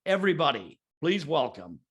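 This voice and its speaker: A man's voice: on the high side, very animated, normal speed, a bit bright, breathy edge. A man hosting a webinar, reading a formal, announcing introduction of his guest over a video call. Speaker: host.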